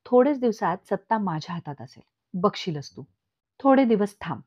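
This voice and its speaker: A woman's voice: mid-range voice, expressive, fairly quick, slightly rough, dry recording. A woman voicing an ambitious, frustrated middle-aged uncle who pleads and boasts. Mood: pleading. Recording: dull lo-fi recording.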